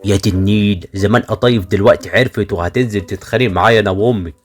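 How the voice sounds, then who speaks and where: Actor doing a cowardly Egyptian young man, whiny and nervous, quick, comic radio serial. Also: lowish voice, soft background music, lightly acted. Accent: Egyptian Arabic. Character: cowardly, teasing young man Turki, a mama's boy.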